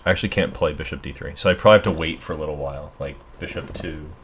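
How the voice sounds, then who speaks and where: A man's voice: extremely low pitch, very fast, fairly bright tone, a little hiss or hum. A man thinking aloud through a chess game as a streamer, muttering asides while losing his voice. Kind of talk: casual live game commentary.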